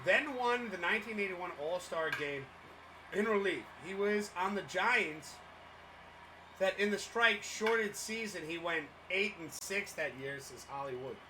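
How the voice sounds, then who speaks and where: A man's voice: high voice, expressive, unhurried, noisy background. A man co-hosting a live sports stream, chatting casually and rambling with lots of fillers while reading out viewer messages. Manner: loose and rambling, many fillers and restarts.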